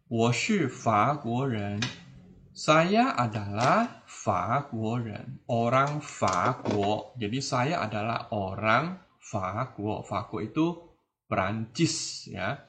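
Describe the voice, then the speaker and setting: A man teaching beginners a language, explaining slowly and repeating each word and phrase. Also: mid-range voice, expressive, background noise. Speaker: Mandarin teacher. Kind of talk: language lesson in Indonesian.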